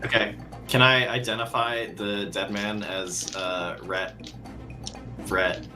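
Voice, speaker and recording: A man's voice: fairly low pitch, flat delivery, slow pace, bright, forceful tone, faint music behind. A man chatting casually as a player at a tabletop role-playing game.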